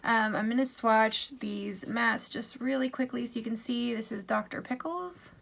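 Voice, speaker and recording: Creaky-voiced, higher-pitched woman, makeup tutorial. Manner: gushing, bubbly, chatty asides. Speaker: beauty vlogger. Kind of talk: chatty makeup tutorial, swatching eyeshadow.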